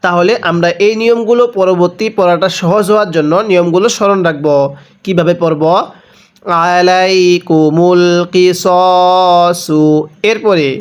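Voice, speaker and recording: A man with a Bangladeshi Bengali accent teaching a step-by-step Quran recitation lesson, spelling out letters and rules, asking how to read each word, then chanting it slowly. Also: sits high. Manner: asks rhetorical questions before each reading.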